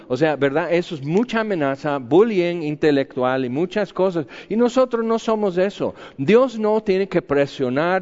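A man's voice: on the high side, darkish tone. A man preaching a sermon in a conversational, argumentative way, full of rhetorical questions. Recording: echoey hall, dull lo-fi sound.

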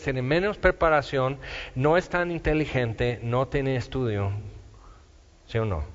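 A man preaching a sermon in a conversational style, firing off rhetorical questions. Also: fairly high pitch. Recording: dull echoey hall.

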